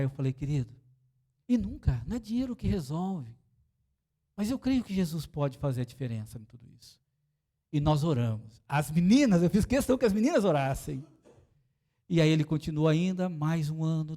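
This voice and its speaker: A man's voice: a little high, expressive, a little fast, warm tone. A Brazilian man preaching as a pastor in a church, telling a story and acting out the dialogue. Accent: Brazilian Portuguese. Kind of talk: sermon with storytelling.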